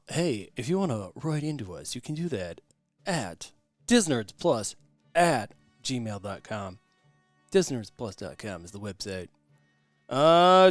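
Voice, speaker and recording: A man's voice: on the high side, dry recording. A man hosting a casual podcast, laughing often and talking loosely with restarts. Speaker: podcast host.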